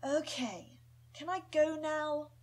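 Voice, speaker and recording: A woman's voice: high voice, slow, a little mellow, pitched above the performer's own voice. A woman voicing a fidgety, restless young female wolf pup who always wants to move on. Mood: impatient. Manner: impatient, eager.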